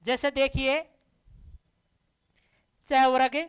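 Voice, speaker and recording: A woman's voice: high-pitched, little pitch movement, drawn-out words, clean tone. A woman teaching a classroom grammar lesson, asking the class questions and answering them herself to drill the terms. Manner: addresses listeners as dear children.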